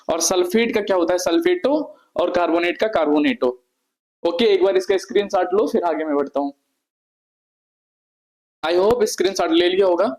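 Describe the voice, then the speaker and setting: Man, chemistry teacher, fairly high voice, repeats each term, asks then answers himself. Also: darkish tone, poor audio. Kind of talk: board lecture to students.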